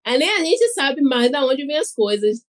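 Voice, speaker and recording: A woman's voice: sits high, very animated, normal speed. A woman with a Bahian accent, a podcast guest talking casually, laughing often and tagging sentences with questions. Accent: Bahian Portuguese. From Bahia, Brazil. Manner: chatty, laughs often, frequent tag questions. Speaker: podcast guest, cachaça ambassador. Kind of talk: casual chat.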